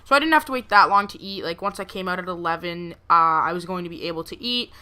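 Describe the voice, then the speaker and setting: A young woman who makes gameplay videos tells a personal story over her gameplay, rambling casually and dropping fillers like "like" and "you know." Her voice is lowish, animated and fast, with a sharp, clean tone.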